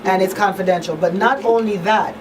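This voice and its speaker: A woman who hosts a radio talk show and advocates for a coalition speaks briskly in a mid-range voice, conversational yet emphatic, repeating key phrases. The mic is distant, with faint background noise.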